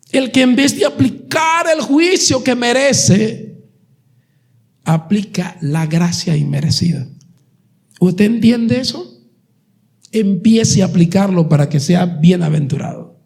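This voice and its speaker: A Colombian pastor delivering an impassioned sermon, retelling parables and questioning the congregation directly. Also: male voice, extremely high pitch, a little mellow. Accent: Colombian Spanish. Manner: preaching with dramatic retellings and sudden raised passages.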